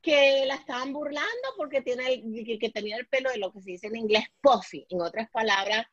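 A woman from Puerto Rico, appearing as an interview guest, tells personal stories from her own life in conversation. Her slightly high voice moves fairly quickly, often restarting and dropping in English words. The sound is dry, dull, and lo-fi, with no room sound.

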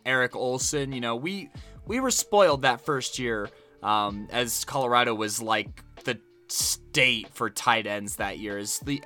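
A man's voice: mid-range voice, sharp tone. An American man giving casual sports analysis as a co-host, talking discursively and piling up points.

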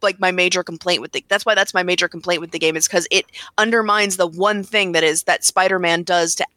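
Woman podcast panelist, bright and sharp tone, dry close mic, fast filler-heavy chatter. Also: lowish voice, steady tone, dry recording. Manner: rapid, full of "like" fillers and restarts. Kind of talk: casual chat about video games.

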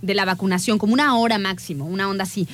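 A woman's voice: mid-range voice, very fast. A woman co-hosting a casual chat, talking to her listeners in an easy, chatty way. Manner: chatty, laughs often, addresses audience as "pequeños". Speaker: co-host.

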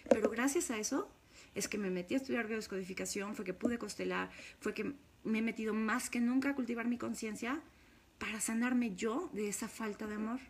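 A woman's voice: on the high side, a little fast, background noise. A woman with a Mexican accent, a spiritual course leader, speaking to her viewers in a frank, emphatic confessional monologue.

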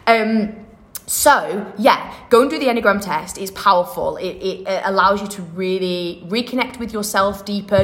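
A woman's voice: medium pitch, fairly bright tone. A young woman hosting a self-help podcast, talking in an upbeat, encouraging way, rambling and correcting herself as she goes. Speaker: podcast host.

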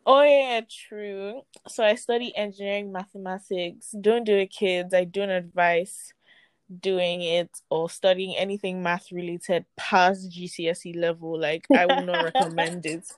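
A nineteen-year-old woman co-hosting a podcast, chatting casually with animated, laughing banter. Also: lowish voice, measured pace, no room sound. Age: teens. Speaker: podcast co-host. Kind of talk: casual chat.

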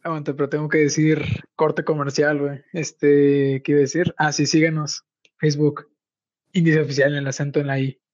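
A young man with a Mexican accent talks loosely on a podcast, piling on slang and filler words as he rambles. His voice sits a little high. The recording is dry and somewhat muffled. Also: level tone, normal speed, darkish tone, no room sound. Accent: Mexican Spanish. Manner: slangy, rambling, fills with "güey" and "o sea". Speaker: podcast co-host. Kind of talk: casual podcast chat. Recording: dry, dull lo-fi sound.

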